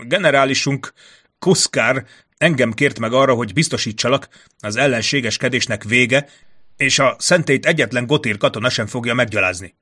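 A man's voice: mid-range voice, pushed and bright, breathy edge. A man voicing a nervous, courtly male ambassador who stammers and fills his talk with hesitations. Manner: stammering, filler-laden, trembling.

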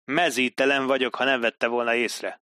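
A man's voice: medium pitch, level tone, sharp tone, clear, resonant tone, no room sound, clean studio sound, lightly acted. A man voicing a pompous, sardonic British army captain in an audiobook, speaking in a raised, mocking tone. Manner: haughty, mocking.

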